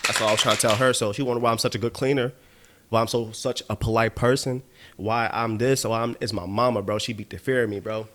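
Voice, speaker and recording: A man's voice: on the low side, steady tone, fast talker, fairly bright tone. A man hosting his own podcast, telling stories in a loose, profane way and often asking "you know what I mean", a bit tipsy from drinking. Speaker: podcast host. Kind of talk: casual monologue.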